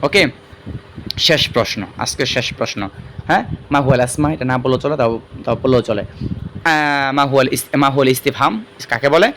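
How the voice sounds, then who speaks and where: A man teaching an online madrasa lesson. He explains step by step, repeats key terms and often pauses on fillers. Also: medium pitch, a bit bright, a little hiss or hum. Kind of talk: online exam-prep lesson.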